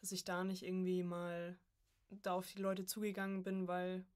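A woman in her early twenties from Coburg, Germany, appears as a podcast guest and voice acting student, sharing personal anecdotes in casual chat. Her voice is lowish and darkish, monotone, at a moderate pace.

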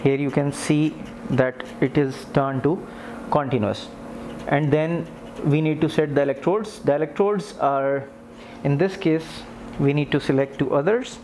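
A physiotherapy instructor in his thirties demonstrates equipment in a tiled clinic treatment room, explaining each step plainly and without a script. His voice is on the high side, a little slow and darkish, recorded by a camera in the room with clear background noise.

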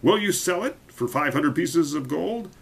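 A man voicing a commanding, pompous king in a read-aloud storybook, stern and loud. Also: a little high, animated, unhurried, gravelly, a little hiss or hum, pitched above the performer's own voice. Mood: regal.

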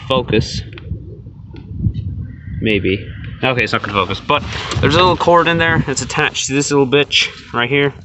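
A man's voice: mid-range voice, moderate pace, pauses often. A young man in a casual repair vlog, swearing freely and making sarcastic, rambling asides while he works on a car door. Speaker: vlogger. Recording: dull lo-fi with loud background noise.

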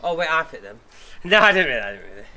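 A man's voice: fairly high pitch, very animated, fast talker, pushed and bright, poor audio. A man hosting a casual vlog from his scrapyard, teasing his workmates and laughing often. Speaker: scrapyard owner vlogger. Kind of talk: casual jokey vlog chat. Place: car breakers' yard workshop.

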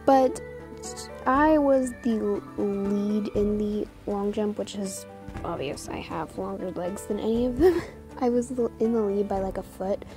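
A woman's voice: mid-range voice, unhurried, over music. A teenage girl giving a casual, chatty vlog outdoors into a phone, with a bossy, giggly manner. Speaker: older sister vlogging, coaching siblings. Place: outdoors on a driveway. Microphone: phone held at arm's length.

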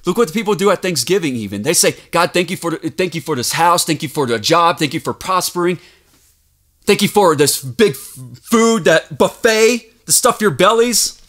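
A man preaching a fervent sermon, reading scripture aloud and rising to shouts as he rebukes his listeners. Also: fairly high pitch, animated, moderate pace.

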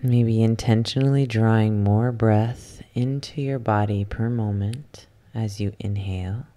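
A soft-spoken guide leads an ASMR yoga nidra meditation, soothing and unhurried, leaving long pauses. The voice is mid-range with fairly even intonation.

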